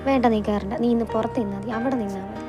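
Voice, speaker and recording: A woman's voice: on the high side, fairly even intonation, quick pace, music in the background, natural voice. A woman doing a nagging, scolding mom. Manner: scolding, questioning. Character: nagging, worried middle-aged mother. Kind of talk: amateur audio drama.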